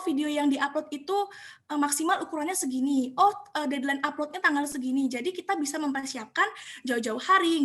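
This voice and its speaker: A young woman presenting a webinar, giving casual tips in a chatty, encouraging way with frequent filler pauses, over a computer mic. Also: high voice, bright, forceful tone.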